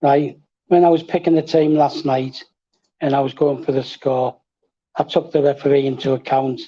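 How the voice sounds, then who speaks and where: A man on a football fan panel, speaking in a relaxed, wry way. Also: mid-range voice, normal speed. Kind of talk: casual fan chat. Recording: dull lo-fi audio.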